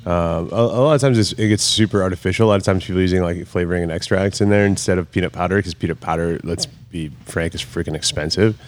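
A man with a fairly low voice talks as a guest on a relaxed podcast. He speaks loosely and fills his talk with fillers. Faint noise sits behind him. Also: fast, hardly any pauses. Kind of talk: casual podcast chat.

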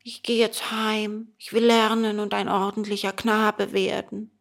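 A woman voicing a wooden puppet boy, easily swayed, in a storybook reading, with a high, pleading childlike voice. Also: monotone, a little slow, gravelly. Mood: reluctant.

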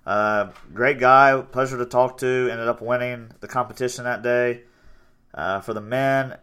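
Here a gym owner who hosts a podcast, a man in his 20s, rambles casually about his gym with many fillers. His voice is mid-range and smooth, and his manner is laid-back.

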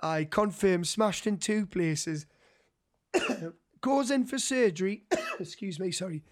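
A man's voice: sits high, slow. A young man with a Geordie accent telling an anecdote casually to friends, slangy and sweary, acting out what people said. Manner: sweary, slangy, animated storytelling that acts out quoted dialogue.

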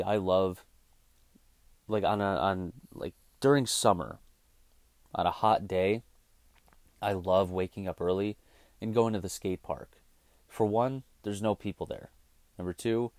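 A low, somewhat mellow voice belongs to a thirtysomething podcast host ranting bluntly and swearing freely. It's a casual monologue on his own show, with no echo in the recording.

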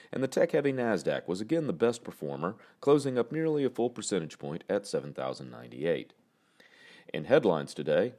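A man hosting a morning brief, reading scripted market news in a measured, formal newsreader delivery. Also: low-pitched, darkish tone.

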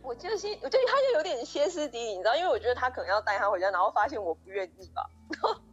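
A woman's voice: on the high side, expressive, very fast, slightly rough, dull audio. A young woman co-hosting a podcast, eagerly retelling a story with many restarts and quoted dialogue. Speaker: podcast co-host. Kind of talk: casual storytelling chat.

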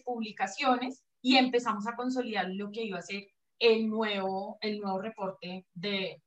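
Over a video call, a guest pelvic floor physiotherapist from Colombia, Spanish being her first language, fields interview questions in a hesitant way, restarting often and using many fillers. Her voice is medium in pitch and a bit bright, though the audio is poor.

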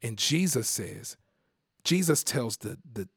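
A man preaching a sermon, emphatic and repetitive, swinging between hushed lines and loud, driving ones. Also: medium pitch, lively intonation, slow, vocal fry, slightly rough, no echo, studio quality.

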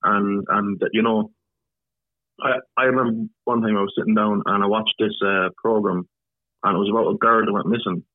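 A man's voice: on the low side, fairly even intonation, moderate pace, no echo. A man with an Irish accent, a podcast guest talking bluntly in casual conversation, swearing now and then. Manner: blunt, swears, repeats words. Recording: tinny phone-line sound.

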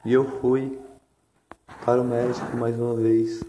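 A man from Ceará, Brazil, reciting a spoken-word poem in a slow, even, repetitive way. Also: mid-range voice, a little hiss or hum. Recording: echoey room with faint music.

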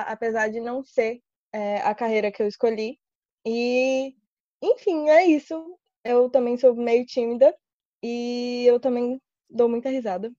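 A woman's voice: a little high, mellow, no echo. A woman in her early twenties introducing herself casually as a podcast co-host. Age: early 20s. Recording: dull lo-fi, dry audio.

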